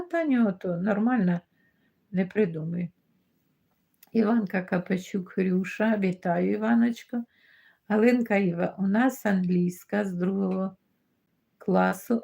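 A middle-aged woman hosts a live stream, reading viewer comments aloud and greeting each person by name in casual chat. Her voice is mid-range and mellow, with some vocal fry.

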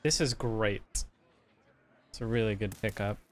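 A man's voice: lowish voice, measured pace, noisy background. A man streaming a card game, chatting casually and thinking through his moves aloud with plenty of fillers. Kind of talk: casual gameplay commentary.

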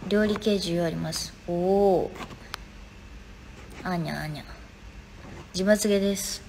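A woman's voice: lowish voice, unhurried, gravelly, darkish tone. A young woman with a Kansai accent hosting a live stream from her phone, reading viewer comments aloud and answering them in a chatty, casual way. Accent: Kansai Japanese. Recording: reverberant room, faint background noise.

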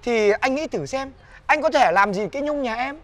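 A man's voice: extremely high pitch, animated, moderate pace, fairly bright tone, a little hiss or hum. A man playing a cheeky young shop worker, teasing and laughing. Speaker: shop employee. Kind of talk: comedy sketch acting.

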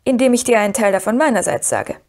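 Woman reading as Merry, calm shrewd hobbit. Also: medium pitch, quick pace. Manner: calm, decisive, knowing. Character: calm, shrewd young male hobbit friend.

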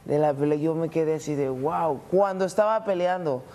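Cocky young mexican dude hyped up, kinda high voice, laughs a lot. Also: male voice, fast. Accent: Mexican Spanish. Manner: animated, laughing, brash, calls people "hermano". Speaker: interview guest, UFC fighter. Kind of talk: casual interview answers.

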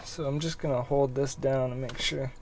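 A man's voice: mid-range voice, fairly even intonation, moderate pace, noisy background. A man casually narrating how he rebuilds a boat engine, chatty and self-deprecating, working in a cramped engine bay below deck.

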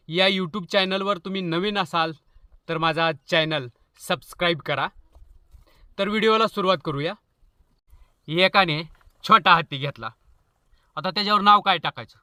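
A man's voice: sits high, normal speed, long pauses, pushed and bright, no echo. A man from Maharashtra telling comic stories as a channel host, chatty and joking. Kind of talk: comic storytelling.

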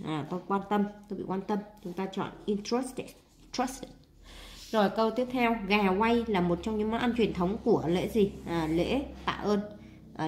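A woman's voice: medium pitch, roomy sound. A woman teacher with a Vietnamese accent, talking her students through an English exam step by step, often repeating herself and saying "à". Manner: steady explaining, frequent fillers and repeats. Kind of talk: casual spoken exam walkthrough.

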